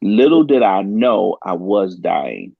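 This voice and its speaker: A pastor recounts a personal story in an earnest, halting way, stopping often on ums. His voice sits low. The sound is dull and dry, like a lo-fi talk-show recording. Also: sing-song, gravelly, slightly rough, no echo.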